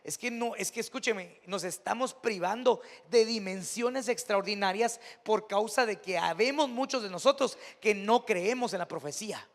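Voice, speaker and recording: Mexican pastor guy, high voice, chatty storytelling sermon, big reverby hall. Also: normal speed, few pauses. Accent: Mexican Spanish. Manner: storytelling, conversational, rising to emphatic preaching. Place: church sanctuary.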